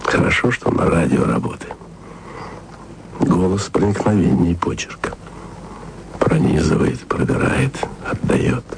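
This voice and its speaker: In a radio drama, an actor plays a wry, lovesick male radio journalist murmuring confiding messages to a colleague onto tape. His low, gravelly voice is very animated and heavily acted, often near a whisper, unhurried and full of long pauses, with an intimate, self-ironic mood. The tape recording is noisy.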